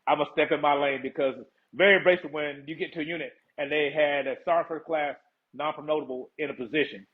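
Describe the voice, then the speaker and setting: A man's voice: a little high, fairly even intonation, fairly quick. A man, a retired first sergeant, talking casually in an interview, laid-back and laughing often. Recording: tinny phone-like line.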